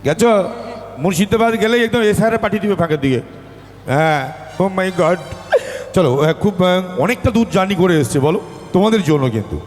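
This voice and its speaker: A man's voice: high-pitched, animated, moderate pace. A man anchoring a live stage show, joking with the audience and introducing the guest. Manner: joking, hyping up the crowd. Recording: stage PA with long reverb.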